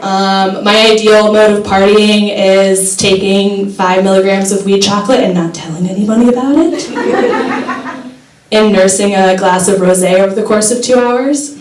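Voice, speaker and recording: A woman's voice: mid-range voice, fairly even intonation, normal speed, distant mic. A young woman from the Midwest doing a stand-up comedy set with a chatty, self-mocking delivery full of ums. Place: comedy class stage. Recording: echoey room, voice from off-mic.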